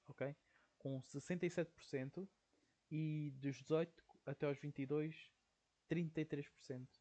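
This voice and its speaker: A man's voice: a little high, mellow, highs cut off. A young man from Portugal with a European Portuguese accent, hosting his own podcast in a casual, rambling solo monologue and tagging nearly every phrase with "ok?". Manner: rambling, says "ok?" constantly, slangy. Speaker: podcast host.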